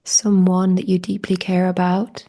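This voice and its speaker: A woman guides a meditation in a hushed, breathy voice that often sinks nearly to a whisper. Her pitch is fairly low and monotone as she offers slow, gentle invitations.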